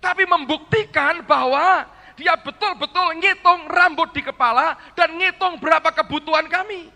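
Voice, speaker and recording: High, bright-voiced male preacher. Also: moderate pace. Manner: storytelling with quoted dialogue, calls the audience "saudara"; swings between hushed low asides and loud high exclamations. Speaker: pastor. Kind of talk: sermon. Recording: echoey hall sermon recording.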